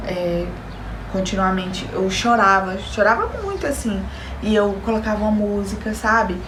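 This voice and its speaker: A young new mother with a Brazilian Portuguese accent speaks to her viewers in a mid-range voice, recounting her own story earnestly and with feeling. The recording has a roomy sound and some background noise.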